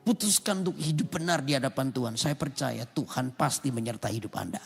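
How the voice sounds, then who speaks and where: A man's voice: medium pitch, expressive, brisk, creaky, husky, in a large hall. A man preaching a sermon as pastor, with an Indonesian accent and emphatic calls for amen from the congregation. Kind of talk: sermon with acted anecdotes. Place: large rooftop church hall.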